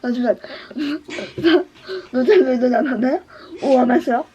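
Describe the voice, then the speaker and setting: A woman's voice: high voice, fast talker, lo-fi sound, a crowd in the background. A woman beauty vlogger chatting casually, hesitant and full of fillers. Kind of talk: casual chat.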